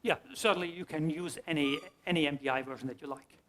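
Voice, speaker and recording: At a conference hall, a man giving a talk explains his answers to audience questions, frequently restarting his sentences. His voice is fairly high and fairly bright in tone, and he speaks fast.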